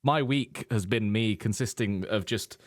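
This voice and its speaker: A man's voice: lowish voice, unhurried, no echo, clean studio sound. A young man co-hosting a casual football podcast, joking and teasing with a lot of laughter. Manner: jokey, teasing, laughs often, puts on mock voices. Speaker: podcast co-host.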